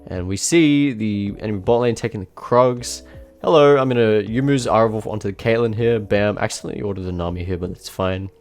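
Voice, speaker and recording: Here he talks a little fast with few pauses, commenting on a match he played himself. The voice is low-ish and a bit nasal from congestion; he's easygoing, pokes fun at himself, and leans on fillers, with quiet music humming underneath.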